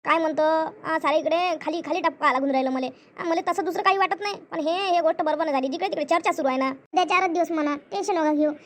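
A woman's voice: extremely high pitch, fast talker, hardly any pauses, slight background noise. A woman tells a family story in a chatty way. She repeats herself often, reassures the others and gossips about the family. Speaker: storyteller voicing family members. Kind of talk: conversational family skit.

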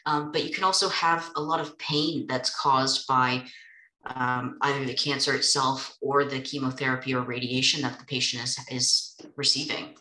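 A woman's voice: a bass voice, fairly even intonation, moderate pace, pushed and bright, echoey room, low-quality recording. A woman co-hosting a webinar as a nurse, explaining medical points in an upbeat way with some fillers. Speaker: nurse co-host.

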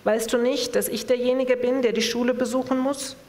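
A woman's voice: a little high, fairly even intonation, fairly quick, a little mellow, pitched above the performer's own voice, lightly acted. Woman reading as a smug teenage brother. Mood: dismissive. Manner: smug, dismissive. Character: teenage boy, smug mocking older brother. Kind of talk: literary reading. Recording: long reverb of a hall.

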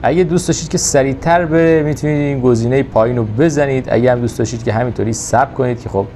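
A man giving casual, excited commentary over a mobile truck game, coaxing the truck along. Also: mid-range voice, a little hiss or hum. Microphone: phone recording.

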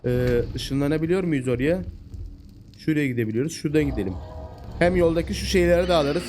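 A man giving casual, excitable let's-play commentary, chatting away and talking to the animals in the game. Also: on the high side, fairly quick, soft background music. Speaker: gameplay commentator.

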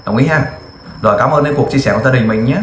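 A man running a field interview, his tone direct and coaxing as he questions and prompts. His voice has a middle pitch and carries some echo. Faint noise stays in the background. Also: quick pace. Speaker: volunteer interviewer.

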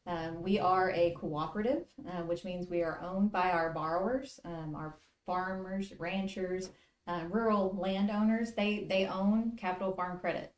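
Female guest, 30s, lender, calm explainer, lowish voice, echoey studio sound. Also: a little slow. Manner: steady, informative, frequent "um" fillers. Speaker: farm lending relationship manager, guest. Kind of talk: explanatory interview answers. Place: indoor studio with virtual backdrop. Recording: roomy room sound.

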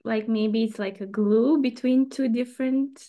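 A woman's voice: a little high, steady tone, measured pace, warm tone. Friendly young woman hosting an interview. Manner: friendly, chatty, thinks aloud with fillers. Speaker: podcast host, interviewer. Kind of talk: casual video-call interview. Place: room at home with plants and shelves, indoors. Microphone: webcam on a video call.

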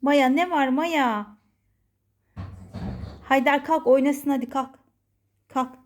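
A woman's voice: sits high, fairly even intonation, slow pace. A woman at home filming her cats on a phone, giving casual running commentary, laughing often and playfully cooing at and scolding them.

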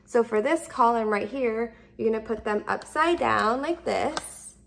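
With slight background noise behind her, a product reviewer in her thirties gives a relaxed step-by-step demo indoors in her home's open kitchen and dining area. She keeps explanations simple and repeats instructions, speaking at a measured pace in a slightly high voice with vocal fry.

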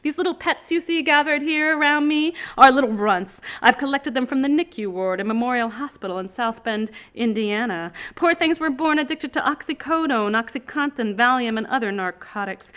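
A woman reads her poetry aloud with a bright, forward tone. Her voice is crisp and clean. Her delivery is rhythmic and incantatory. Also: on the high side. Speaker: poet. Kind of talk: poetry reading.

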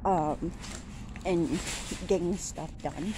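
Speaking extremely slowly at a fairly low pitch, a woman in her thirties rambles through a casual walk-and-talk vlog, full of fillers and restarts. The vlogger films by a store outdoors in daytime on a phone at arm's length, with traffic noise in the background.

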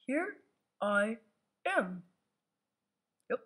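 A woman's voice: fairly high pitch, very animated, extremely slow, fairly bright tone, husky, full character voice. A woman voicing a fussy, prim male protocol droid who reviews a gym in a homemade toy video, often saying "oh my". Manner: prim, easily flustered, says "oh my".

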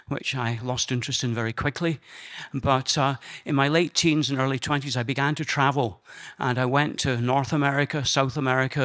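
An older man with a Scottish accent, giving an earnest, measured personal talk at a conference on a handheld microphone. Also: mid-range voice, fairly bright tone. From Scotland. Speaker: conference speaker. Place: conference room.

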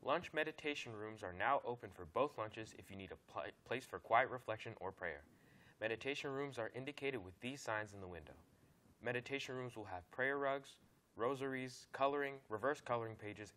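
A teenage student news anchor reading school announcements in an upbeat announcer style. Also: male voice, mid-range voice, fairly quick, fairly bright tone. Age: teens.

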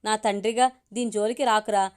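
A woman voicing a warm, eager grandmother in her sixties or older, speaking fondly in a homely way. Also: medium pitch, steady tone, brisk, clear, resonant tone, lightly acted. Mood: affectionate.

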